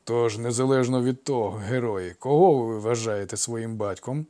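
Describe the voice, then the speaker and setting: A man playing a wise old centaur who stays calm and patient. He puts on a gentle sternness, and his voice sits at a middle pitch, close to an everyday voice. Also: moderate pace, natural voice.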